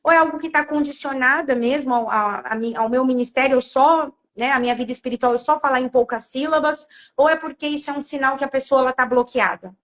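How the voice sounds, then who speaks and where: A woman's voice: sits high, fast, few pauses, fairly bright tone. A woman with a Brazilian accent hosting a live interview, asking questions hesitantly with many fillers. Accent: Brazilian Portuguese. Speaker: live show host. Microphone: video call.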